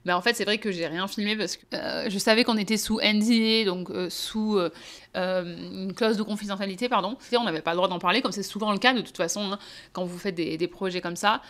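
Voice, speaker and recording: A woman's voice: medium pitch, brisk, a bit bright. A young French woman chatting casually to camera as a vlogger, talking with many hesitations and frequent laughs. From France. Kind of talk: casual vlog chat.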